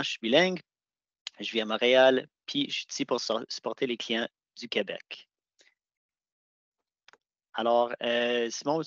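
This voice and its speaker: A sales engineer presents products over a video call, his medium-pitched voice conversational but marked by hesitant restarts. The video-call audio is dull and dry, with no echo.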